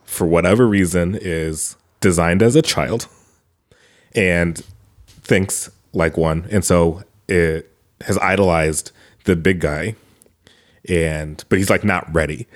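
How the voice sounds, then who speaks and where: A man with a very low voice talks casually through a podcast conversation. He rambles and loops back on himself, stacking up filler words as he works through an idea. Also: fairly even intonation, takes it slowly. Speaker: podcast co-host. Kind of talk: casual chat.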